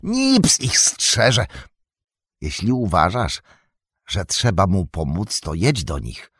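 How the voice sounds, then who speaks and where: A man voicing a gruff, bold old male hobbit farmer who speaks in hearty exclamations. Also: sits low, huge pitch swings, takes it slowly, a bit bright, no room sound, clean studio sound, heavily acted.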